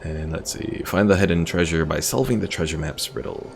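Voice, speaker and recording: Playing a strategy game on stream, a man thinks aloud in casual commentary, his very deep, creaky voice moving briskly. Game music sits behind his voice along with a little hiss or hum.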